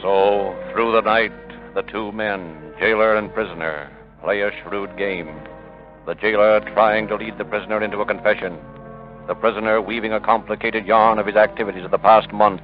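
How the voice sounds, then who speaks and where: A man narrating a vintage radio crime drama in a grave, measured, emphatic scripted style. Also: on the low side, steady tone, lightly acted. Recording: muffled vintage radio recording with music.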